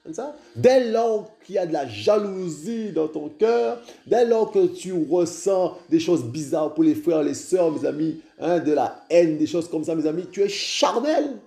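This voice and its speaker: A man preaches with pressing urgency, repeating his refrains over and over. His voice sits a little high but sounds mellow. The recording is roomy and echoey, with soft music in the background. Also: lively intonation, measured pace, creaky, hardly any pauses. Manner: repeats "mes amis" and "hein" constantly, urgent exhortation. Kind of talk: informal sermon.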